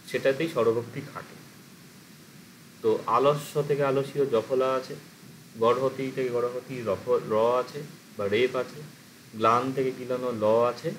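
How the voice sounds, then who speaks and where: A man's voice: medium pitch, a little hiss or hum, low-quality recording. A man teaching an exam-prep class. He explains step by step and asks and answers his own questions.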